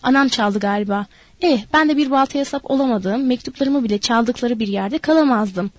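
A lonely young wife, restless and yearning for someone to talk to, read by a woman narrator. Her words tumble out eagerly and pleadingly, in a fairly high voice. The recording is close and dry, like a storybook audiobook. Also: normal speed, dry recording, natural voice. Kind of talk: audiobook character voice.

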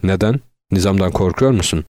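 A man's voice: deep voice, lively intonation, darkish tone, dry recording, studio quality. A frightened young woman, voiced by a man. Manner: halting, pleading.

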